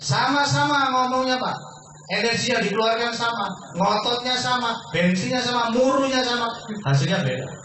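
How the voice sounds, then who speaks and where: A man giving a persuasive business sales pitch to a seminar audience, asking questions and answering them himself. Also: animated, normal speed, sharp tone. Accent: Indonesian. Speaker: business presenter. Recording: echoey room from far off, faint noise.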